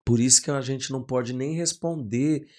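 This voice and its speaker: A man, a pastor, talks casually as a podcast guest. His pitch sits in a middle range for a man. He tells lively anecdotes and slips into the voices of the people he quotes, on a close studio mic. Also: normal speed. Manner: animated storyteller who acts out quoted voices.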